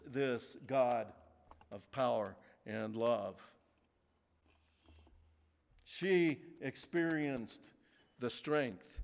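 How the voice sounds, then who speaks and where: A male pastor preaching a sermon in a church, speaking slowly with emphatic pauses. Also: medium pitch. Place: church sanctuary. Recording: long reverb of a large sanctuary.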